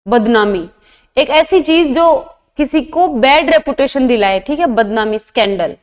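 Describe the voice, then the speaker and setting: A woman's voice: sits high, in a large hall. A woman teaching a vocabulary lesson, explaining English words in Hindi and repeating each term.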